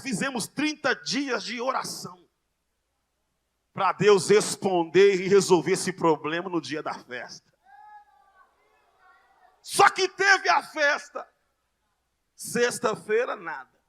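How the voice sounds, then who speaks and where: A Brazilian man preaching a Pentecostal sermon, telling a story that builds into shouted proclamations and speaking in tongues. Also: sits high, big pitch swings, slow, long pauses. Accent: Brazilian Portuguese. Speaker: pastor.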